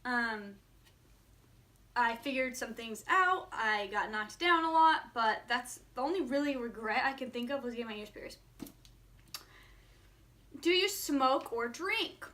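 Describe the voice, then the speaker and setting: A twenty-one-year-old vlogger answers viewer questions in a casual, candid chat to camera, filling her sentences with "like." Her voice sits on the high side with lively intonation and a sharp tone, and she speaks at a measured pace with frequent pauses.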